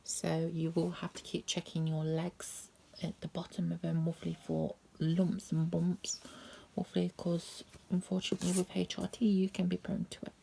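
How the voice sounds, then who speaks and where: A woman telling a personal story as a vlogger, rambling and repeating herself, often slipping into soft half-whispers. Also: fairly low pitch, completely flat delivery, normal speed, vocal fry, slight background noise.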